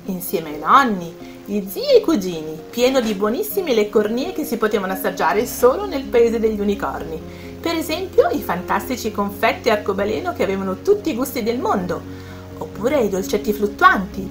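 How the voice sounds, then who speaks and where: Animated, high-pitched woman storyteller addressing children, faint music behind. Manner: animated, speaks directly to the children. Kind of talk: children's bedtime story narration.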